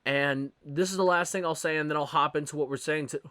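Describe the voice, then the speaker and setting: A young man hosting his own podcast, talking casually and rambling with frequent self-corrections and animated opinions. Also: fairly high pitch, a little fast, no room sound, clean studio sound. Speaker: podcast host. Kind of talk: casual solo podcast commentary.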